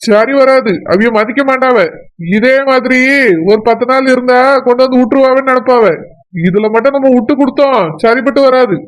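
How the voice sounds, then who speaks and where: A woman's voice: high-pitched, fairly even intonation, natural voice. A woman voicing an indignant village father with a Kanyakumari accent. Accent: Kanyakumari Tamil. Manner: indignant, scolding, rapid retorts. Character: stern protective village father, middle-aged. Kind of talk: village story voice acting.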